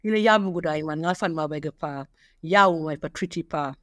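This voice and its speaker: A man with a somewhat high voice reads out a prepared explainer, working through quotes and numbered points at an even, measured pace. The sound is close and dry, with no room around it. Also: no room sound. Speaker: narrator. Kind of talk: read-aloud explainer narration.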